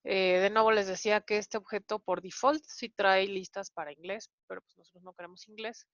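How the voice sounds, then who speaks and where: A woman's voice: medium pitch, fairly even intonation, brisk, a bit bright, no echo. Woman teaching code, dull lo-fi sound. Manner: patient, step-by-step explaining with frequent "eh" fillers. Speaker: programming instructor. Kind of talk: online coding lesson walkthrough.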